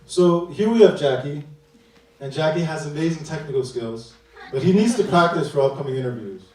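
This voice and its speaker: A man from Queens, New York, walks through an app demo with a rehearsed, upbeat delivery. His voice sits a bit high and sounds mellow and soft-edged. The mic picks him up from some distance in a very echoey hall. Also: lively intonation, a little fast. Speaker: presenting developer. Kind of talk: scripted demo presentation. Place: large event hall.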